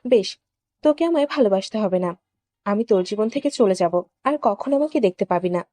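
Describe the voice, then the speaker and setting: A woman's voice: mid-range voice, animated, fairly quick, dark tone, no room sound, lightly acted. A woman voicing a lovesick, tearful younger brother who pleads intensely, in a storytelling narration. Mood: earnest.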